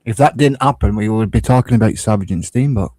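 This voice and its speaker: This is an easygoing man in his early thirties with a low voice. He is recorded dry and close, and he chats in a relaxed, friendly way. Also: fast talker, dry recording. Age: 30s. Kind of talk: casual chat.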